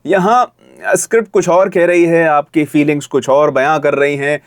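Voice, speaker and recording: A man coaching voice-over, giving friendly, direct feedback on recordings and jumping into energetic demo reads. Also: fairly high pitch, normal speed, dry recording, clean studio sound. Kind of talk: reviewing recordings, with demonstration reads.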